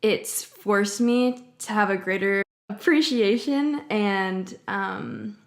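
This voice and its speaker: A woman's voice: mid-range voice, slow pace. Candid young woman vlogger chatting casually. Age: 20s. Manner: informal, candid, slangy. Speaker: singer-songwriter vlogger. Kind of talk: casual personal chat.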